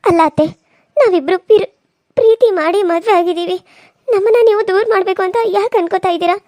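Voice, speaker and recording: A woman's voice: very high voice, quick pace, dark tone, no room sound. A woman voicing a meek, loving young wife from a poor family in a cartoon serial, pleading tearfully with her in-laws.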